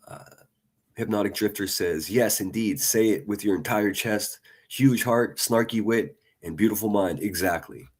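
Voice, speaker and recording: A man's voice: on the low side, moderate pace, a little mellow. Blunt, cursing man streaming live. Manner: blunt, profane, passionate, with frequent restarts. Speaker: live streamer reading viewer comments. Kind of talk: casual live stream chat. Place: at a desk in front of a laptop.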